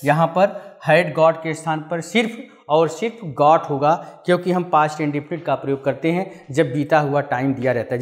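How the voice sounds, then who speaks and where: A man teaching an exam-prep English grammar class, calling his students children and asking and answering his own questions, with the English example sentences read out slowly. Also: a little high. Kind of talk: classroom-style grammar lesson.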